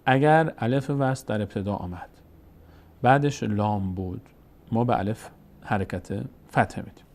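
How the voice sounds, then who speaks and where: A man teaching Quran reading step by step, patiently repeating each rule and slowly sounding out example words. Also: lowish voice, a little mellow. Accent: Persian-speaking, Tajikistan channel. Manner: patient, repeats rules, addresses viewers as dear ones. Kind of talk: step-by-step recitation lesson.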